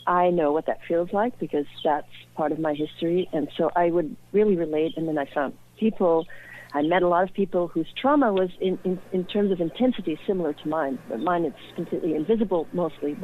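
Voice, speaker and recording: A Belgian woman, an author appearing as a guest, reflects earnestly in a personal interview. She has a deep voice, and the tinny, phone-like line carries slight background noise.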